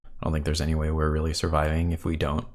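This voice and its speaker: A man's voice: extremely low pitch, monotone, quick pace. A man commentating his own card game, thinking aloud and weighing each move. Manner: thoughtful, muses and counts under his breath. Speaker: gameplay commentator. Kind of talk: thinking aloud over gameplay.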